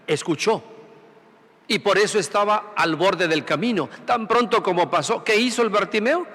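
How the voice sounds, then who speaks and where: A man's voice: sits high, bright, forceful tone, slightly rough, in a large hall. A man who is a priest, preaching a Sunday sermon through rhetorical questions and repeated phrases. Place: large church sanctuary.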